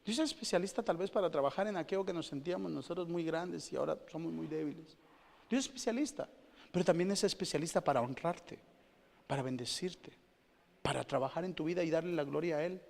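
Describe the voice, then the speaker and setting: A male pastor preaching a lively sermon to his congregation, full of rhetorical questions, moving between loud exclamations and hushed asides. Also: on the high side, quick pace, gravelly. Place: church hall. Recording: long church-hall reverb.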